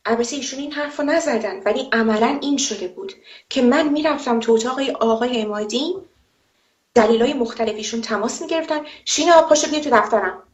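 A woman, a former TV presenter, giving a personal testimony in an emphatic, indignant way with rhetorical questions. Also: a little high. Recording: roomy, slightly dull audio.

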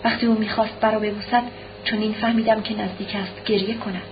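A woman reading an audiobook, voicing a caring married woman who speaks gently and reassuringly; slightly muffled recording with faint hiss. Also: medium pitch, level tone, lightly acted. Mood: consoling.

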